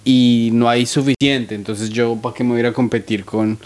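A man's voice: mid-range voice, steady tone, normal speed, darkish tone. A man, a comedian guest talking frankly in a casual conversation and swearing now and then. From Colombia.

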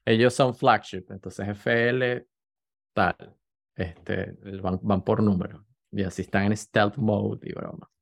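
A man who is a podcast guest, talking in a relaxed, joking way. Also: lowish voice, slow, gravelly, no echo, clean studio sound. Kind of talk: casual interview chat. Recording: faint music in the background.

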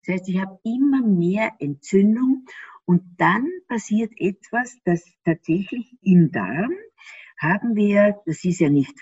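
With lively intonation and a measured pace, a medium-pitched, slightly mellow and slightly rough voice carries this Austrian woman's animated explanations as an interview guest. She speaks with an Austrian German accent, laughs a lot, and asks rhetorical questions. The sound is dry, slightly dull, and without echo.

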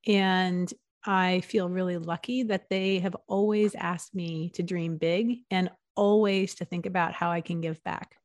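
As a guest on a podcast interview, this East Coast nonprofit consultant in her forties sounds earnest and upbeat, often restarting her sentences. She talks unhurriedly in a lowish voice with fairly even intonation. The studio sound is clean, with no room sound.

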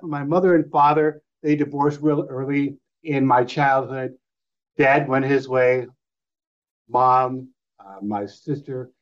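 A middle-aged man telling a personal story as an interview guest, in a loose, rambling way, acting out old phone calls in different voices. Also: mid-range voice. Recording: slightly dull lo-fi audio.

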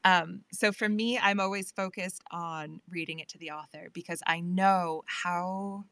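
A woman's voice: lowish voice, fairly even intonation, unhurried, a bit bright, no room sound. A woman who narrates audiobooks, chatting as a guest in an interview, talkative and laughing often. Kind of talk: casual interview chat. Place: lives in England.

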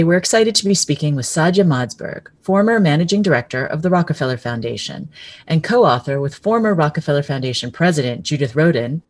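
A woman with a low-pitched voice hosts a podcast interview, recorded with no echo. She reads formal introductions and asks her guests questions.

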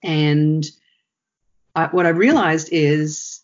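A man with a fairly high voice reflects aloud on his teaching, circling back and restarting his sentences as the thoughts form. He speaks in a relaxed, conversational interview style. The recording sounds dull and lo-fi. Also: very slow. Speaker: guest, workshop trainer.

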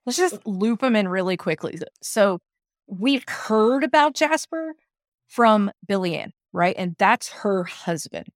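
A woman's voice: medium pitch, a little slow, no echo, studio quality. A woman from the South, co-hosting a casual TV recap and arguing her points emphatically. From American South. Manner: animated, emphatic, opinionated. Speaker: podcast co-host.

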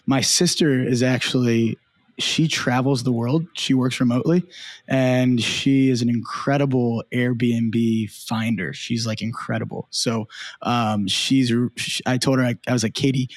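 A man's voice: mid-range voice, fairly even intonation, measured pace, dry recording. A young man co-hosting a casual podcast, telling stories in an upbeat, rambling way. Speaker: co-host.

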